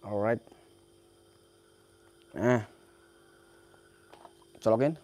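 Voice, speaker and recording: A man's voice: lowish voice, fairly even intonation, drawn-out words, a little mellow. Casual man explaining a repair. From Central Java, Indonesia. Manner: casual, talks while working, repeats phrases. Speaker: repair technician. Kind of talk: hands-on repair tutorial.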